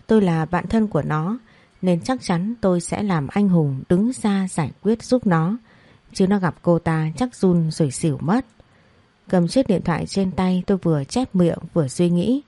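Low, mellow woman storyteller. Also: no echo. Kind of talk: first-person story narration.

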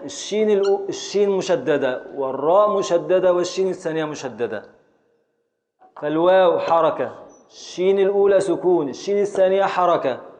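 Higher-voiced Egyptian sheikh teaching a class. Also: male voice, a little mellow. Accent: Egyptian Arabic. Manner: quizzing students, scanning verse syllable by syllable. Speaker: Islamic scholar teaching Arabic grammar and prosody. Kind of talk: classroom lesson. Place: classroom with students.

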